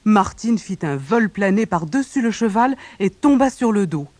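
Husky storybook narrator. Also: mid-range voice, normal speed, dry recording. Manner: calm, steady narration. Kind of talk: storybook reading for children. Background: faint music.

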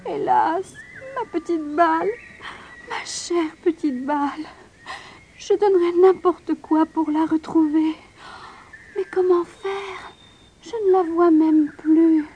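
A woman voicing a spoiled little princess who is tearful and impatient, in a high plaintive voice. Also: very animated, moderate pace, mellow, lo-fi sound.

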